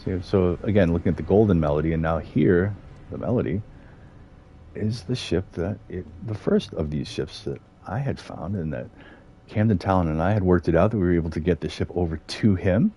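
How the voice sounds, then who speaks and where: A man's voice: low-pitched, a little fast, mellow, a little hiss or hum. A middle-aged man chatting casually as he streams a game, rambling with fillers and small chuckles. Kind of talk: casual gameplay commentary.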